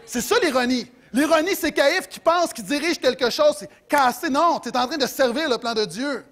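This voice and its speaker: A middle-aged man with a Quebec French accent preaching a sermon as pastor, animated, swinging between loud emphasis and soft asides. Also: extremely high pitch, moderate pace, some chatter behind.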